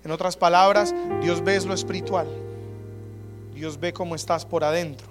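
A man preaching an earnest, personal sermon on prayer, often dropping to soft prayerful tones. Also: on the high side, steady tone, moderate pace. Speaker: pastor. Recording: music bed under the voice. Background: soft instrumental music.

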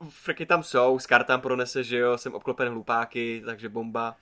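Czech guy on a podcast, bright forceful voice, rambles and swears a lot, laughs easy. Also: medium pitch. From Czech Republic. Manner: rambling, animated, swears casually. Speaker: podcast co-host. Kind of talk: casual chat.

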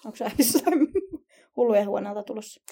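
A woman's voice: medium pitch, dark tone, slight background noise. A young woman co-hosting a casual podcast chat, blunt and playful, laughing often. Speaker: podcast co-host.

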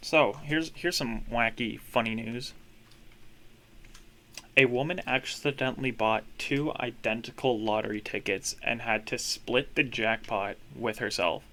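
A man's voice: medium pitch, a little slow, a bit bright. Young man reading wacky headlines. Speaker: podcast co-host reading headlines. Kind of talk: casual chat, reading news headlines aloud.

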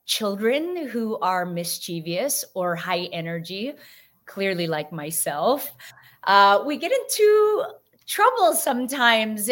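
Slow-talking, bright-voiced woman storyteller. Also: medium pitch. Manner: lively, animated storyteller who acts out voices. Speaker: podcast guest. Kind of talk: storytelling interview answer.

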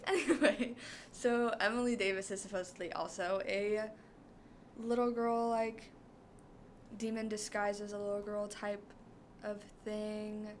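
A woman's voice: medium pitch, fairly even intonation, unhurried, slight background noise. A young woman co-hosting a podcast, recapping a show in casual chat, rambling with many fillers. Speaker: podcast co-host.

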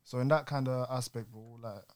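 A man's voice: mid-range voice, steady tone, moderate pace. A man with a London roadman style British urban accent, chatting casually on a podcast in street slang full of tag questions. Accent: British urban street (London roadman style MLE).

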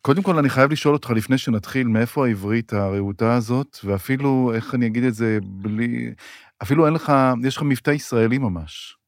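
A man's voice: mid-range voice, no echo, studio quality. A man with an Israeli accent, speaking as a podcast host who introduces and interviews.

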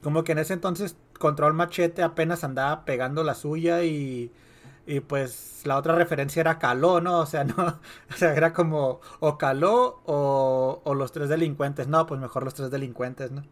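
A man's voice: fairly high pitch, normal speed. A Mexican man hosting a podcast, chatting casually about music in a slangy, rambling way. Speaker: podcast host. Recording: music behind the voice.

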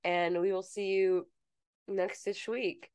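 Smooth-voiced woman chatting on a podcast. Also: mid-range voice, level tone, slow pace, darkish tone, dry recording, clean studio sound. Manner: chatty, teasing, reads bits aloud. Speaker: podcast co-host. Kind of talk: casual chat.

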